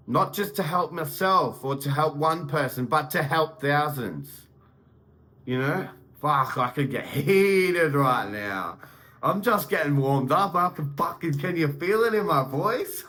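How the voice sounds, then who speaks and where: A man's voice: mid-range voice, fairly bright tone, poor audio. A young man giving an unscripted motivational monologue, swearing freely and turning heated and emphatic as he speaks. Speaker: motivational vlogger.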